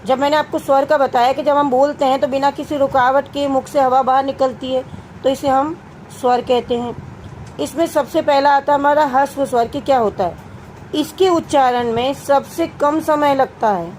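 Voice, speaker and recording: Young female teacher, high pitch, patient question-and-answer style with children, faint background noise. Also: steady tone, normal speed, darkish tone, low-quality recording. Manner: asks students questions and answers them herself; addresses students as "beta". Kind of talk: Hindi grammar lesson for children.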